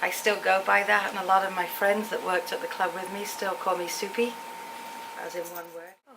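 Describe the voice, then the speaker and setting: Gravelly middle-aged woman, chatty. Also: mid-range voice, flat delivery, a little fast, heavy background noise. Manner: rambling, anecdotal. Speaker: vlogger. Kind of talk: casual chatty vlog to viewers.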